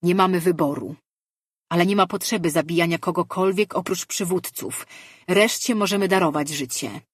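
A woman's voice: on the low side, moderate pace, slightly rough, no echo, clean studio sound. A woman doing Juran, a commanding sorcerer leader. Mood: resolute.

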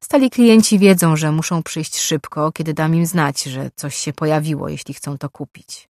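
A man's voice: on the high side, moderate pace, vocal fry, a little mellow, no echo, clean studio sound. A woman voicing a sly, chatty older male pawnshop owner who talks in a slightly raised, boastful way.

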